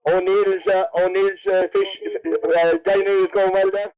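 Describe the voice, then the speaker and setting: Irish guy mcing an event, high pitched, jokey, chatting to people on the mic. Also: level tone, a little slow, darkish tone, clean tone, low-quality recording. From Cavan, Ireland. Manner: jokey, teasing. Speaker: MC of a best dressed contest at horse races. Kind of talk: announcing and interviewing over a public address.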